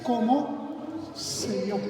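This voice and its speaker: A man teaches a sermon at a slow, deliberate pace, stopping to put questions to the congregation. He is picked up from a distance in a reverberant hall, and the murmur of a crowd comes through behind him. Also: high voice. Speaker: preacher. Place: church sanctuary. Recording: echoey hall, distant mic, congregation noise.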